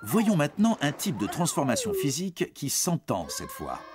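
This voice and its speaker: A man narrates a scripted educational piece for young teens at normal speed, his fairly high voice swooping wildly in pitch, amid heavy background noise and music. He explains things informally and reassuringly, speaking straight to the listener.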